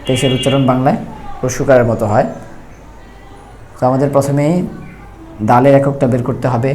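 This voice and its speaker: A man teaching Quran reading, explaining step by step and repeating each letter sound slowly. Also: medium pitch, warm tone, a little hiss or hum. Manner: slow, repetitive, drawn-out letter sounds. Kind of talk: step-by-step recitation lesson.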